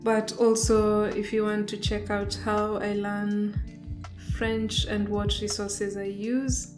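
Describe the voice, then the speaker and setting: A woman's voice: medium pitch, little pitch movement, over music. A woman co-hosting a casual chat podcast, giving short, understated replies. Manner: slow, understated replies with frequent laughs. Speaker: podcast co-host.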